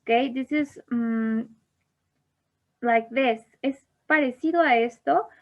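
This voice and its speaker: A woman's voice: on the high side, slow. A woman teaching an online English grammar class, explaining each rule in English and then again in Spanish. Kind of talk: bilingual online grammar lesson. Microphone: online class computer mic. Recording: dull lo-fi online class audio.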